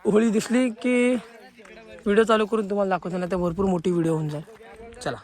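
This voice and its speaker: A man with a Konkan Marathi accent, filming a casual outdoor vlog on a phone and excitedly calling out to friends. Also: high voice, fast. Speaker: vlogger. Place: outdoors in a village field. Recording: crowd noise outdoors. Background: crowd of villagers.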